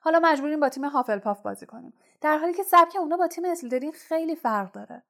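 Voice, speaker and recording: A woman's voice: very high voice, expressive, sharp tone, voice pushed up, exaggerated voice. A woman voicing an intense, stern teenage boy team captain who talks urgently in a clipped, insistent way, in a storybook reading. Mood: bitter.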